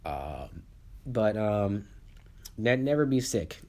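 A man's voice: lowish voice, big pitch swings, slow, a little mellow. A man hosting a casual solo movie podcast, rambling and repeating words, congested and sniffling with the flu.

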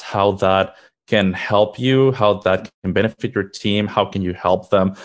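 A man in his thirties from Mexico, a product manager answering interview questions in an earnest, upbeat way with fillers and restarts. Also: on the low side.

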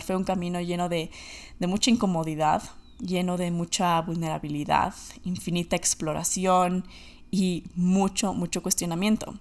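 A woman with a lowish voice and an Ecuadorian Spanish accent hosts a personal podcast monologue. She speaks reflectively and deliberately, repeating phrases for emphasis.

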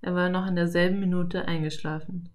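Lady reading a kids' story, calm even narration, lowish voice. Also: a little fast. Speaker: audiobook narrator. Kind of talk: children's audiobook narration.

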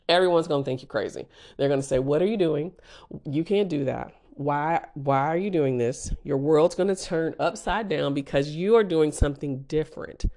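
A woman's voice: on the low side, a little mellow. A woman hosting a motivational talk, speaking directly to listeners in a conversational, emphatic and urging way. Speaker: podcast host and small business coach.

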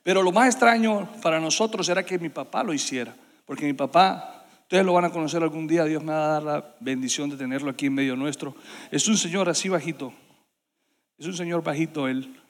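A man with a high voice tells a story from the pulpit, animated and full of sound effects. His voice rings out in a church hall with a long reverb. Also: brisk. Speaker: preacher. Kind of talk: sermon storytelling.

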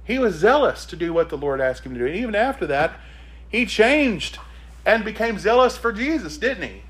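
Man preaching, high voice, lively swooping pitch, emphatic, rhetorical questions to the congregation. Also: moderate pace. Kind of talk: sermon.

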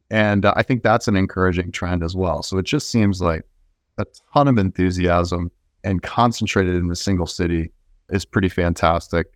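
A man's voice: sits low, no echo, studio quality. A man speaking as an interview guest, giving conversational answers in a reflective, explanatory way. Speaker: interview guest, venture investor.

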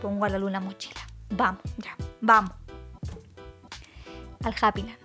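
A Chilean woman vlogging about her day as a mother, with rambling, animated and self-mocking stories. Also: mid-range voice, measured pace, faint music behind. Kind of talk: casual storytelling.

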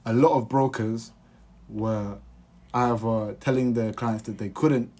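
A man's voice: medium pitch, steady tone, a little slow, mellow. A young man with a London accent hosting a podcast, chatting casually in roadman slang. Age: young adult. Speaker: podcast host. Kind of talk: casual chat.

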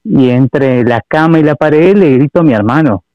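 A man from Argentina with an Argentine Spanish accent, calling in to tell a personal story in a halting way, full of fillers and repeats. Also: fairly high pitch, animated, no room sound, muffled recording. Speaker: caller. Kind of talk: telling a personal story on a call-in show.

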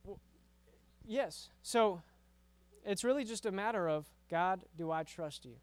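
Guy doing a youth sermon, high smooth voice, keeps saying right? and stumbling over words, dry close sound. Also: unhurried, no room sound. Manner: conversational, repeats words, frequent "right?" tag questions. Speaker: youth pastor.

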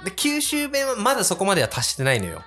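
A man co-hosting a casual podcast, animated and teasing as he chats. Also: soft background music. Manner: animated, teasing, quick jumps in pitch. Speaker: co-host, regular guest. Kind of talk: casual chat.

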